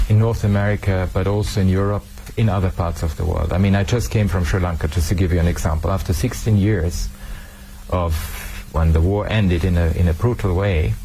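A man's voice: lowish voice, vocal fry, warm tone, slight background noise, low-quality recording. A man answering interview questions as a human rights official, earnest, often restarting and repeating words.

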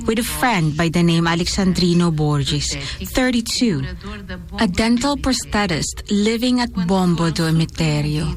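An actress playing an Angolan woman who reads a newspaper story aloud in a film, with an Angolan accent and a measured delivery. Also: on the low side. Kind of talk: film dialogue, reading aloud. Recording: film soundtrack with music underneath.

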